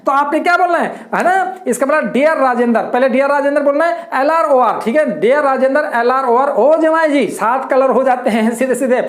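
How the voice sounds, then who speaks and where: Lady teacher going over a lesson, keeps repeating herself, talks to the kids, high voice, roomy echo. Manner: repetitive, keeps addressing the students as children. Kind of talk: classroom-style lesson explanation. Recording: echoey room.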